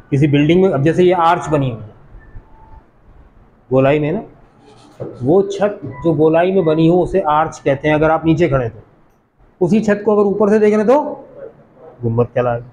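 A man from Pakistan teaching a class, explaining English pronunciation patiently, repeating words slowly and putting questions to the students. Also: a little high, dark tone, slight background noise, low-quality recording. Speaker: college teacher.

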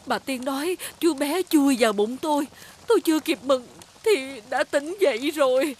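A woman's voice: high-pitched, moderate pace, darkish tone, slight background noise, lightly acted. A woman voicing an anxious middle-aged village wife in a cartoon, pleading in tone. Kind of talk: 3D cartoon dubbing.

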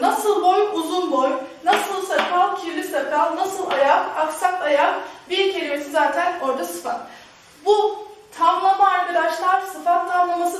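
High-voiced woman teaching in an echoey room. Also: recorded from a distance. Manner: addresses students often, asks and answers her own questions. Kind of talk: classroom grammar lesson. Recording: very echoey room, voice off-mic, faint noise.

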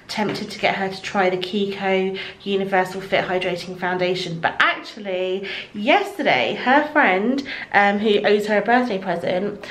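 A woman's voice: medium pitch, a little hiss or hum, low-quality recording. A woman with a British accent, a beauty vlogger chatting casually and laughing often. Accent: British English. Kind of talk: casual chat.

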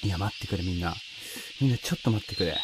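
A man's voice: low voice, rapid-fire, a little hiss or hum. A man giving casual, nervous, pleading commentary as he plays a horror game, talking to himself and his viewers. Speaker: video game player and commentator.

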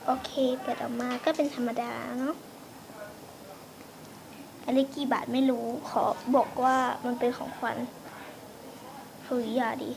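A woman with a high voice hosts a casual home vlog. She chats loosely, swinging between polite phrasing for viewers and blunt slang for her friends. A faint hiss of noise sits under the recording. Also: fairly even intonation, unhurried, creaky, pauses often, a little mellow. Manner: chatty, mixes polite endings with blunt slang; bossy toward friends off camera. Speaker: vlogger reviewing birthday gifts.

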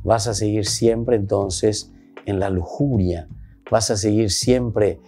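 A man's voice: on the low side, steady tone, takes it slowly, dark tone, soft background music. A Paraguayan priest preaching a sermon in Spanish mixed with Guarani, with emphatic rises in his voice. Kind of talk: sermon reflection.

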